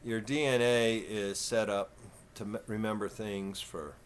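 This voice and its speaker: A man in his fifties with a Texan southern twang, talking slow and folksy in a rambling, casual vlog. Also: lowish voice, steady tone, slight background noise. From Texas. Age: 50s. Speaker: vlogger.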